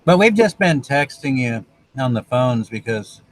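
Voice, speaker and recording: A man's voice: medium pitch, very animated, measured pace, dry recording, rough recording. A man chatting casually on a live stream from beside his van, rambling and restarting his sentences. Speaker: vlogger co-host. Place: outside by their van.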